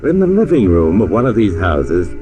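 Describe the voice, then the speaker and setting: An actor playing an enigmatic traveler, narrating eerie radio tales in an ominous, measured, theatrical manner. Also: male voice, lowish voice, huge pitch swings, over music. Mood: grave narration. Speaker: host and narrator.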